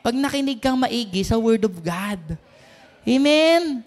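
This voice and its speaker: Male preacher, very high voice, lively sermon, shouts out to the congregation. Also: slow. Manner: animated, calls out to the congregation, often shouts. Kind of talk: energetic sermon.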